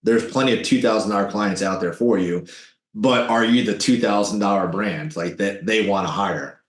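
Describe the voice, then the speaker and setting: Lively business owner, roomy echo. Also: male voice, fairly low pitch. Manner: animated, salesy, quick asides. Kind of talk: business interview.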